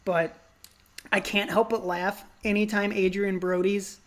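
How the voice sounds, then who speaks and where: A woman talks movies on a podcast in a loose, casual way, full of little ums and quick teasing jabs. Her voice sits at a middle pitch and sounds relaxed and unpolished. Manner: joking, teasing, lots of ums. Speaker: podcast co-host.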